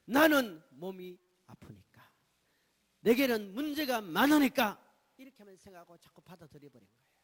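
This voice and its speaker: A man preaching a testimony sermon at a church meeting, asking questions and answering them himself, swinging from loud exclamations to hushed asides. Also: sits high, a little hiss or hum. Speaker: guest pastor giving a testimony.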